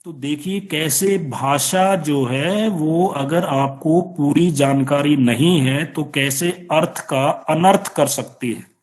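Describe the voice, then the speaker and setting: A man teaching an online class with an Indian accent, explaining slowly and patiently with repeated examples. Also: a little high, a little mellow. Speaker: college teacher. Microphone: online class, computer or phone mic.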